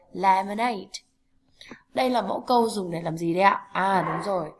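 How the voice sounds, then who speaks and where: A woman with a Vietnamese accent teaching an English lesson to children, saying each word slowly and repeating it for pupils to copy. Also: on the low side. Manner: slow, carefully repeats words for pupils to copy.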